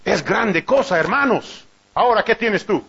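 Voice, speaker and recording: A man preaching a sermon in an animated way, firing off rhetorical questions and chuckling between points. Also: sits high, measured pace, creaky, breathy edge. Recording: dull lo-fi recording.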